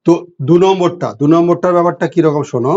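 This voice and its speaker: A man teaching an online exam-prep class with a Bengali accent, explaining step by step and reading questions slowly in English. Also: fairly high pitch, dark tone. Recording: dull lo-fi audio.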